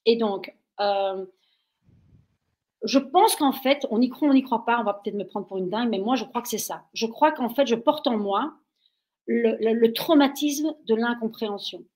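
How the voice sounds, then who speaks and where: A woman from Belgium, appearing as an interview guest, tells animated stories at a moderate pace. Her voice is on the high side, and her energy lets her get carried away as she talks.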